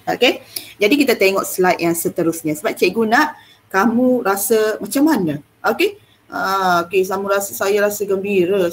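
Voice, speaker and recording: A woman's voice: mid-range voice, slight background noise. A woman teacher with a Malaysian accent, coaxing her students through an online lesson in a chatty way with many "ah" fillers.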